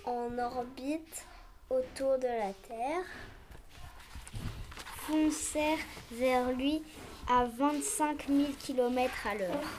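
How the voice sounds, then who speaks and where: Over clear background noise, a woman reads a children's story aloud. Her voice is high-pitched and she takes it slowly, phrase by halting phrase. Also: steady tone. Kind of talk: scripted children's story narration, read aloud. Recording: clearly noisy recording with clicks.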